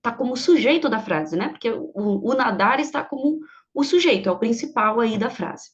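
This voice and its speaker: A woman's voice: fairly high pitch, lively intonation, moderate pace, muffled recording. A woman whose first language is Portuguese, teaching English grammar in an online lesson and explaining step by step while often checking that the class follows.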